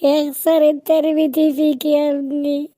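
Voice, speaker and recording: A dramatic, overbearing cartoon mother in an Egyptian Arabic accent, voiced by a woman. Her voice is fairly high. She nags and guilt-trips. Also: quick pace, darkish tone, lightly acted. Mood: wailing. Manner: melodramatic, nagging. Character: overbearing middle-aged mother, dramatic and tearful.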